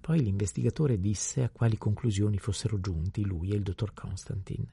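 A man narrating a radio play in a calm, even, raspy voice. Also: on the low side, moderate pace, no echo. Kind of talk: scripted narration.

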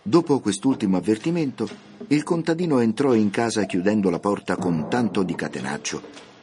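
A man narrating a classic children's story for radio, reading in a measured, expressive way. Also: lowish voice, slight background noise.

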